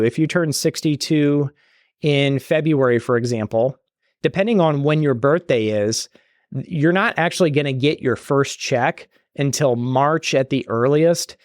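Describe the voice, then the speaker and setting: A man's voice: on the high side, no echo, clean studio sound. Chatty man hosting a retirement podcast. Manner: conversational, explanatory, with frequent restarts and asides. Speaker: podcast host and retirement planner. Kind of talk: solo podcast explaining listener questions.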